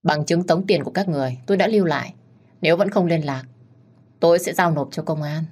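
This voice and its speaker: A woman reading the lines of an anxious, protective young husband in a storybook tale, in a low husky voice. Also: brisk, darkish tone. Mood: tense.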